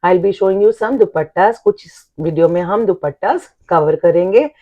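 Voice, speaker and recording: A woman's voice: fairly low pitch, unhurried, phone-quality sound. A woman in her thirties with an Indian accent showing dupattas for sale, explaining each point carefully and often repeating or correcting herself. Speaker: clothing seller presenting dupattas. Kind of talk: product showcase, switching between Hindi and English.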